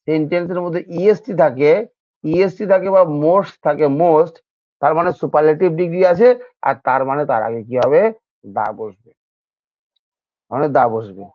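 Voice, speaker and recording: High-voiced male teacher, tinny audio. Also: no echo. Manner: repeats points and asks the class questions; addresses students informally. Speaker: English teacher. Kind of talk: exam-prep grammar lesson.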